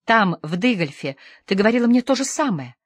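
A woman voicing a tormented, opium-addicted lady who pleads feverishly, dropping to soft murmurs and rising into sudden outbursts. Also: mid-range voice, very animated, a little fast, dry recording, voice pushed up. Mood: reproachful.

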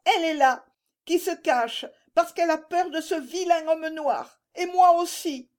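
A timid little peasant boy speaks in a high, clinging voice, as a woman reading the tale puts him on. His pitch climbs well above the reader's own, and his short phrases sound scared. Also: measured pace. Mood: frightened. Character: small frightened peasant boy.

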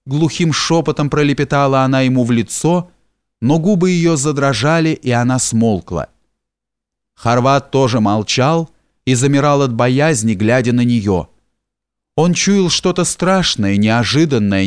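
Guy reading a novel aloud, measured and expressive, dry close mic. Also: mid-range voice, smooth, no room sound. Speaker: audiobook narrator.

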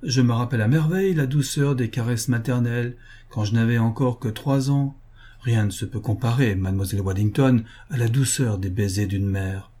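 A man's voice: mid-range voice, normal speed, mellow, lightly acted. A man voicing Mr. McGabry, a pompous, sentimental and jealous suitor, in a read-aloud novel.

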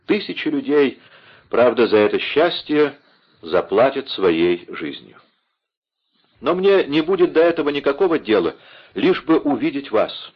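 A man's voice: medium pitch, breathy edge, lo-fi sound. A man playing a passionate, devoted young nobleman in an audiobook, speaking ardently. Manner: ardent, impassioned.

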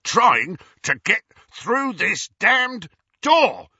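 Shrieking brute of a dark wizard, as a man puts him on. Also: on the high side, big pitch swings, moderate pace, breathy edge, dry recording, pitched above the performer's own voice, full character voice. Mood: furious. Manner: shrieking, bellowing, coarse. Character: uncouth brutish male dark wizard, coarse and bullying. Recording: slightly dull, dry recording.

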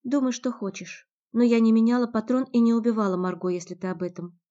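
A woman's voice: fairly high pitch, steady tone, fairly quick, voice pushed up, close to an everyday voice. A woman narrator voicing a firm, fiery young woman who pleads, threatens and commands in a raised voice. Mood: defensive. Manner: commanding, rising to shouts. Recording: dull lo-fi recording.

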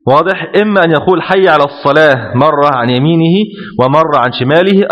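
A man's voice: fairly high pitch, long reverb tail. A man teaching a lesson, reading passages aloud and then explaining them, often checking that his students follow. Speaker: Islamic jurisprudence teacher. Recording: slightly muffled lo-fi recording.

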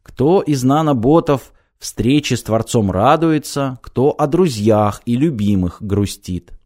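Brief: male storyteller, expressive mock-solemn fairy-tale reading, animated melody. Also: medium pitch, a little slow. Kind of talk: read fairy-tale narration.

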